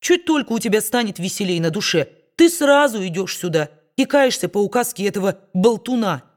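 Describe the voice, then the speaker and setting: A woman's voice: mid-range voice, expressive, a little fast, close to an everyday voice. A woman doing an indignant, earnest young man. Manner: frank, protesting.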